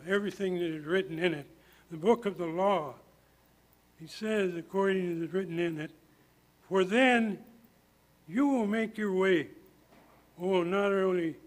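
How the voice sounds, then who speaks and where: A man preaching a sermon, quoting scripture and repeating key phrases with emphasis. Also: high voice. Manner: quotes scripture with rising emphasis.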